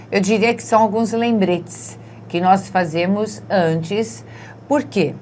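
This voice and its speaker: A woman's voice: on the low side, darkish tone, a little hiss or hum. A woman with a Brazilian Portuguese accent teaching an exam-prep grammar lesson, explaining step by step and checking in with her students after nearly every point.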